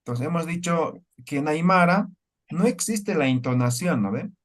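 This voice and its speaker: Higher-pitched male teacher quizzing his class. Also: animated, moderate pace. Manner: explains step by step and keeps checking with the class through questions. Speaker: language teacher. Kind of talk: classroom lecture.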